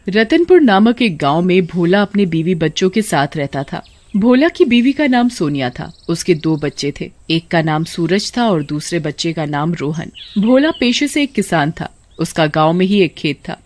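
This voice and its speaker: Woman narrator for a cartoon story: animated delivery, dry close sound. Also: lowish voice, moderate pace, no echo.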